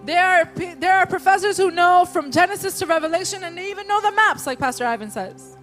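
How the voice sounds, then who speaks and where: Woman, very high voice, live sermon interpreter, faint music behind. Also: fairly bright tone. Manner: quick restatements, occasional repeated words.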